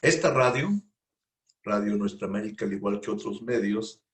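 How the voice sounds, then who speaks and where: A man's voice: on the low side, moderate pace. A man hosting a radio interview, giving a loose, rambling introduction full of fillers and repetitions. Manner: rambling, repeats himself, filler words. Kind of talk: spoken radio introduction, informal. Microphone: studio microphone.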